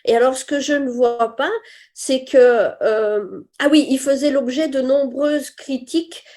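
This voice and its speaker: A woman in her fifties chats as a guest, pausing and restarting as she looks for words. Her voice sits a little high, with a soft, mellow tone. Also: steady tone. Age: 50s. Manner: hesitant, searching for words. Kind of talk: casual chat.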